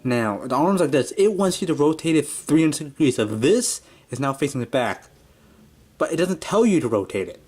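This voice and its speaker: A man's voice: fairly high pitch, big pitch swings, a little fast, darkish tone, breathy edge. A man giving a casual, unscripted toy review at a table at home, talking in a loose, rambling way and often correcting himself mid-sentence.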